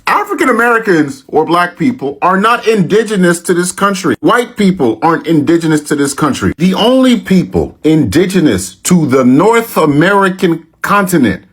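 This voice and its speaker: A man's voice: high-pitched, big pitch swings, normal speed, hardly any pauses, fairly bright tone, slightly rough. A man ranting in disbelief in a clip, emphatic and profane. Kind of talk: opinion rant video.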